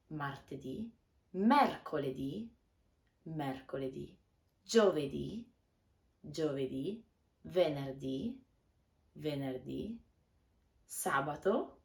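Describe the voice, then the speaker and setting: A woman with an Italian accent teaching a beginner language lesson, saying each word slowly and then repeating it with care. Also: low voice, echoey room, recorded from a distance. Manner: slow, careful repetition of words.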